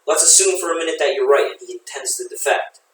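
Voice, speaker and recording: A man's voice: a little high, fast talker, slight background noise, lightly acted. A man voicing a cynical male politician who speaks bluntly and wryly. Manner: blunt, wry. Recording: echoey room, voice from a distance.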